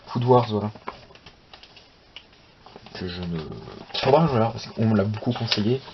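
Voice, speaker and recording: A young manga channel host flips through a magazine in a casual unboxing chat, rambling, muttering to himself, and swearing lightly. His voice sits on the low side at a moderate pace, and the slightly dull recording carries a steady hiss.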